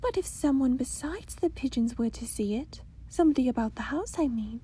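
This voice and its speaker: A woman voicing a sweet, eager little princess in a storybook, with a lilting, breathy delivery. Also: high-pitched, lively intonation, brisk, dark tone, heavily acted.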